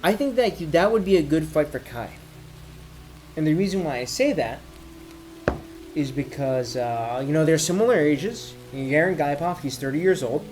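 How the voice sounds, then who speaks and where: Man, fairly high voice, tipsy halting rant, thinking out loud, faint music behind. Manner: drinking while ranting, tipsy rambling. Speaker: MMA commentator giving opinions. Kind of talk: casual off-the-cuff rant.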